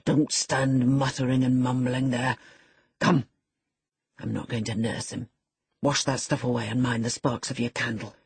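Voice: mid-range voice, flat delivery, a little slow, breathy edge, dry recording. A reader voicing a brutal, scornful man who barks commands and insults in an audiobook. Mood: furious. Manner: harsh, commanding, contemptuous. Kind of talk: audiobook character voice.

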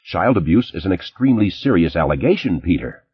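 A man's voice: low voice, big pitch swings, a little fast, slightly rough, highs cut off, exaggerated voice. A man voicing an indignant, image-conscious ex-wife. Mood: stern. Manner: clipped, indignant, scolding.

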